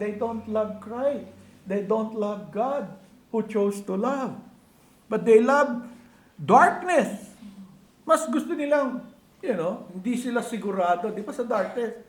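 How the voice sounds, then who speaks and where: A man's voice: very high-pitched, reverberant. A man with a Filipino accent preaching a sermon in a church, talking to the congregation in a conversational way and asking many rhetorical questions. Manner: switches between Tagalog and English, conversational preaching with rhetorical questions. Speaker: pastor.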